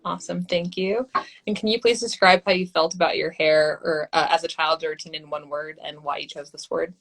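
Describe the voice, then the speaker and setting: A woman's voice: low-pitched, fairly even intonation, fairly quick, poor audio. A woman hosting a live audio chat, introducing guests and asking them questions in a friendly way. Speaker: host and moderator.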